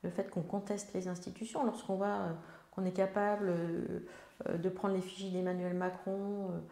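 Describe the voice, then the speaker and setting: A woman's voice: medium pitch, level tone, moderate pace, creaky, dark tone, reverberant. A woman, an elected member of parliament, answering interview questions in a hesitant way with many fillers and restarts.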